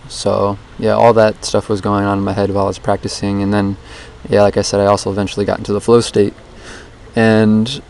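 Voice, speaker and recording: Standing under a bridge, a vlogger rambles casually and introspectively into a handheld voice recorder for his daily challenge diary. His low-ish voice is creaky and a little mellow, with a completely flat delivery at a slightly fast pace. Background noise runs through the outdoor recording.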